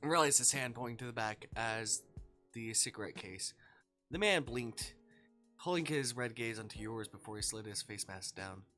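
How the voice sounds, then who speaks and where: A man's voice: medium pitch, normal speed, bright, forceful tone, soft background music. A man streaming live, reading a fan fiction story aloud in second person and breaking into playful asides.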